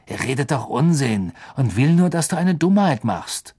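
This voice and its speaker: Brief: a man playing a gruff, impatient teen boy, husky voice. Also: mid-range voice, big pitch swings, moderate pace, dark tone, voice pushed up. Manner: gruff and dismissive. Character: blunt impatient schoolboy friend.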